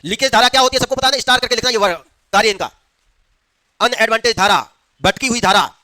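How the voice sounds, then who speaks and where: A man teaches a lecture in a very high, fast voice, firing questions at the class and then answering them himself. His tone is bright and the sound is dry. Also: dry recording.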